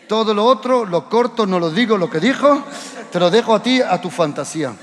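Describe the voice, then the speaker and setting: A male pastor preaching a lively storytelling sermon in a church, rising at times to shouts. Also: sits high, brisk, in a large hall. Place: church hall. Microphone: handheld or stand microphone.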